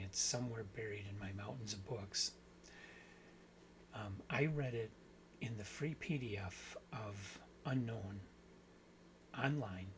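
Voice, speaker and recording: A man's voice: medium pitch, low-quality recording. A man with a mid-range voice hosts a casual book discussion. He thinks aloud, rambles and corrects himself as he goes, over a faint background hiss. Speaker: book channel host.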